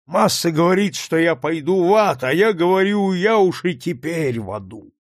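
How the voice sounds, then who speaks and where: A man voicing a bitter old woman who drinks, speaking in a slow, wailing, defiant way. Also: lowish voice, expressive, dry recording, clean studio sound, pitched above the performer's own voice. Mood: bitter despair.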